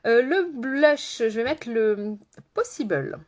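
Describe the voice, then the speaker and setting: A woman's voice: on the high side, lively intonation, slow pace. A woman makeup artist chatting casually on a live stream, laughing often and answering viewers by name as she works. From France.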